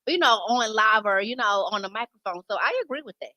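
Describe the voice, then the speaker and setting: A woman's voice: fairly high pitch, lively intonation, a little fast, pushed and bright, dry recording. A woman hosting a radio show, talking in a casual, conversational interview style.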